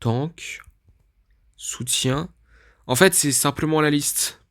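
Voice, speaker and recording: A man's voice: fairly high pitch, takes it slowly, fairly bright tone. A man giving casual let's-play commentary, thinking aloud as he reads through menus and often admits he is unsure what things mean. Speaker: gaming video creator.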